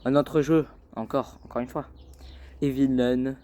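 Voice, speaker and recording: A warm, steady, mid-range voice belongs to a gaming channel host who speaks without hurry. In his casual vlog he meanders hesitantly with many fillers, often calling out to viewers as "les gars."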